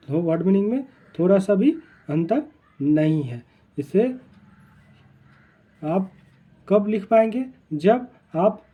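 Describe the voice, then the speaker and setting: Male teacher, husky and mellow, a bit high, spells words aloud and repeats them. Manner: slow, repeats words to drill pronunciation. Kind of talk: spelling lesson.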